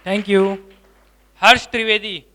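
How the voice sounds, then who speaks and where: A man hosts an orientation, thanking each speaker briefly and calling out the next student's name in a crisp, orderly way. His voice is high-pitched, slow, pushed and bright, with little movement in pitch, suited to short announcements.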